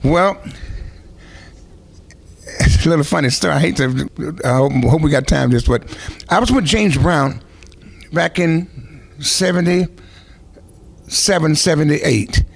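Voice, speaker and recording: An older man with a raised pitch and a gravelly edge spins long anecdotes for an interviewer. He rambles, restarts and adds asides as he reminisces. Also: slow, long pauses. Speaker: veteran musician guest.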